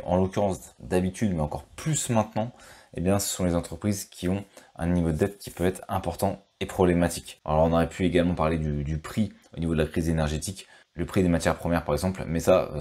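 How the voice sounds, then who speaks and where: A man's voice: low voice, fairly even intonation, fast, dark tone. A man with a French accent explaining stock market risks to his viewers in a casual way, with many fillers and restarts. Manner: thinks aloud with frequent fillers and restarts.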